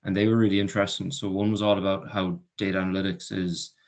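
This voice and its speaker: Low, even-voiced young west of Ireland man. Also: quick pace. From Galway, Ireland. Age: 20s. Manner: informal, hedging with "like" and "kind of". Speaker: alumnus speaker. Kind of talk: informal personal account to prospective students.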